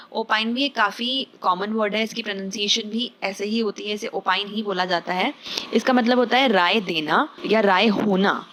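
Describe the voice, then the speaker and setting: A woman teaching English vocabulary in Hindi, patiently explaining each word and slowly reading example sentences, with frequent fillers. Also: mid-range voice, a bit bright, slight background noise. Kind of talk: Hindi-language vocabulary lesson.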